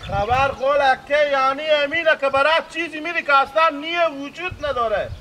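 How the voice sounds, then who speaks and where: A man's voice: very high-pitched, bright, forceful tone, a little hiss or hum. A man with a Gilaki accent playing a sensible villager who lectures a naive friend in a comedy sketch. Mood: lecturing. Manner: lecturing, explaining.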